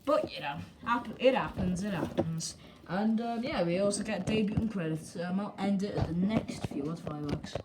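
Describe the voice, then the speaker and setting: Filming fireworks at home with a handheld camera, a young woman gives casual vlog commentary, rambling, joking, putting herself down, and swearing mildly. She speaks at medium pitch and a moderate pace, and the recording is very noisy.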